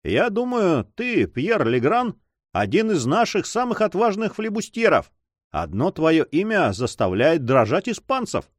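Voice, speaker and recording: A man voicing a calm, dignified old governor who speaks quietly and patiently, with a touch of sadness, in a storybook reading. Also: high-pitched, measured pace, dry recording, clean studio sound, exaggerated voice. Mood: gentle. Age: older. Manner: quiet, patient, gently sad.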